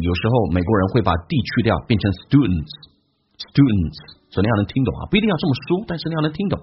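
Male English teacher, brisk explainer, fairly deep voice with an animated pitch, slightly muffled recording. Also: slight background noise. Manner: brisk, explanatory, demonstrates phrases slowly. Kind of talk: listening and pronunciation lesson.

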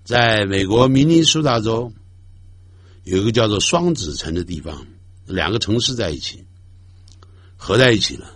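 An older man teaching English pronunciation in a lesson, slowly drawing out each word he demonstrates. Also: fairly low pitch, lively intonation, a bit bright, husky, dry recording, clean studio sound. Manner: slow, drawn-out demonstrations of English words.

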